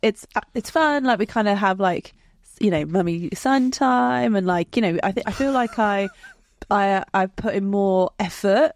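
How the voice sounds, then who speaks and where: A woman's voice: mid-range voice, normal speed, no echo. A woman chatting informally as co-host of a casual conversational podcast. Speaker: business co-owner and podcast co-host.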